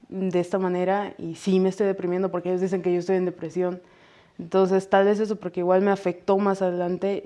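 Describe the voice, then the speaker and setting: A woman in her thirties hosting a casual podcast conversation, telling lively stories and acting out what people said. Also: fairly low pitch. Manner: lively storyteller who acts out quoted speech. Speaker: podcast host.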